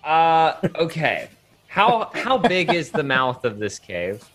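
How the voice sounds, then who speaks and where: A man's voice: fairly high pitch, sing-song, takes it slowly, fairly bright tone. A man player in a casual tabletop game, hesitant and flustered, thinking aloud over his move.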